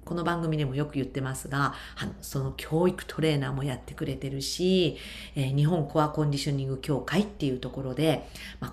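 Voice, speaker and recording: Low-voiced woman host, easy chatty interviewer who fills with asides. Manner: chatty, many fillers and asides. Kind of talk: casual interview chat.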